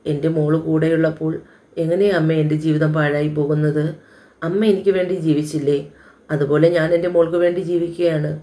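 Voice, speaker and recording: A woman voicing a gentle young widowed father who answers his mother in a patient, quietly firm way, in an audio storybook. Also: a little high, flat delivery, brisk, natural voice. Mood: earnest.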